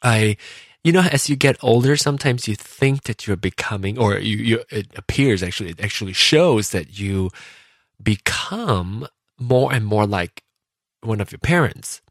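A man hosting a podcast, talking casually and reflectively about himself, often pausing and rephrasing as he thinks aloud. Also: on the low side, expressive, dry recording, studio quality. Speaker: podcast host. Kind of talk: casual reflective personal monologue.

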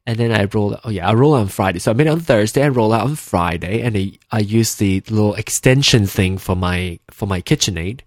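A man's voice: on the low side, fairly quick, few pauses, no echo, clean studio sound. A Malaysian-born man in his thirties hosting a casual solo podcast, rambling and correcting himself with many fillers. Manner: rambling, self-correcting, chatty with frequent fillers. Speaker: podcast host. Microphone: in-ear headphones with a desk mic.

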